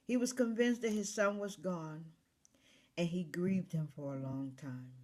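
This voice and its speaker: A woman reading Bible verses aloud and pausing to reflect on them with emotional emphasis, as a Bible study teacher. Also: lowish voice, darkish tone. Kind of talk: scripture reading with commentary.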